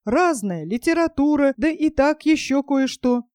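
A woman's voice: sits high, lively intonation, measured pace, a little mellow, dry recording, clean studio sound. A woman voicing a kindly male village teacher who talks in a homely, rueful way. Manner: calls the boy "brother", homely.

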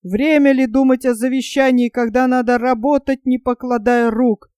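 A reader voicing a bold, gruff monk who curses and shouts orders during a storm. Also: sits high, fairly even intonation, moderate pace, no room sound, clean studio sound, natural voice. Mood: angry. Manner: shouting, cursing, commanding.

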